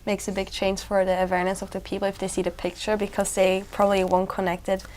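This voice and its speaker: Young woman, even-toned. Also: medium pitch, quick pace. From Switzerland. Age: young adult. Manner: conversational, thinking aloud. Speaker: exam candidate. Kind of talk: spoken exam discussion.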